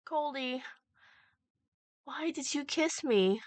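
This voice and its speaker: A woman reading the lines of a shaken, heartbroken young woman in a fan story, halting and stammering as she goes. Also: high voice, fairly even intonation, bright, forceful tone, dry recording, voice pushed up, heavily acted. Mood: shaky, upset.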